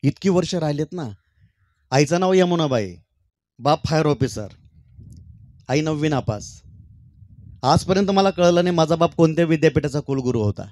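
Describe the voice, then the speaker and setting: A middle-aged man recites poetry on stage, singing slow, stretched refrains before he drops into easy, conversational talk with the audience. His voice sits a little high for a man. The sound is dry and close on a handheld mic. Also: expressive, dry recording. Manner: sings poem refrains slowly and loudly, then talks warmly and chattily to the crowd. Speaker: poet performing for an audience. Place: stage at a public event.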